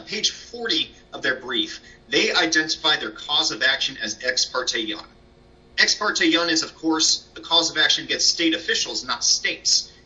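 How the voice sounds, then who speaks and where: A man's voice: on the high side, bright, forceful tone. A man speaking as an appellate lawyer, delivering a formal, structured oral argument. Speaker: lawyer, state solicitor general arguing an appeal. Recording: dull, distant microphone pickup.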